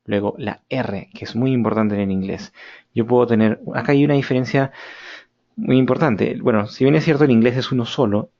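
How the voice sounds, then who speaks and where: Man teaching English with a gravelly voice. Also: medium pitch, warm tone. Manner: explains in Spanish mixed with English, slows for model words, frequent "ok?" checks. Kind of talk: recorded lesson reviewing grammar and pronunciation. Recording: dull lo-fi recording.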